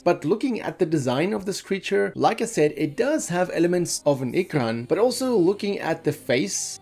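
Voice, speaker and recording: A man hosting a commentary video, calmly explaining details of film concept art and thinking aloud as he goes. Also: fairly high pitch. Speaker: video host.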